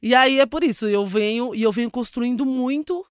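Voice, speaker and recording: Fast-talking São woman comedian. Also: fairly high pitch, clear, resonant tone, no room sound, studio quality. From São Paulo, Brazil. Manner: animated, laughing storyteller acting out quotes. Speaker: comedian guest. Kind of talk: casual interview storytelling.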